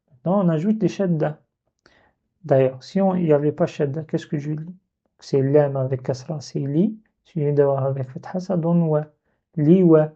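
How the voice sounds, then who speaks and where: Slow, patient man teaching letters. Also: on the high side, dark tone. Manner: patient, repeats and breaks sounds into syllables. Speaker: Arabic teacher. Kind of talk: video lesson. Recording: dull lo-fi recording.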